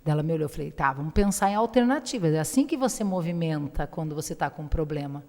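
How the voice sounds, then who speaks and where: A woman's voice: deep voice, fast talker. A woman psychologist talking casually, telling stories and acting out conversations with her children. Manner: animated storytelling, acting out dialogue with her kids. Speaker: psychologist guest. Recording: roomy reverberant room.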